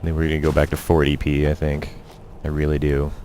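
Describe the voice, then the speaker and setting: A young man doing casual, halting, sardonic commentary as he live-streams a video game. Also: a bass voice, completely flat delivery, dark tone, a little hiss or hum. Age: young adult.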